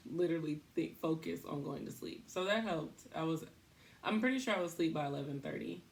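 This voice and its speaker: A young woman hosting a podcast, talking in a casual, rambling way, thinking out loud and laughing at herself. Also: deep voice, brisk. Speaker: podcast host.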